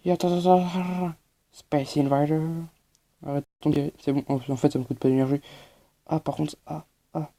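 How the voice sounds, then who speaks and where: A man's voice: medium pitch, level tone, normal speed, dark tone. A man giving hesitant, explanatory gameplay commentary as a channel host, with many fillers.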